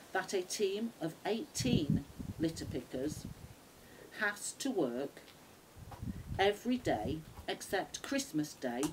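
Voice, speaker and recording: A woman reading scripted dictation in a deliberate way, phrase by phrase with pauses, recorded outdoors by a camera a few metres away. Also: on the low side, background noise. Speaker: shorthand dictation reader. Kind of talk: measured shorthand dictation read from a script. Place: small outdoor backyard patio.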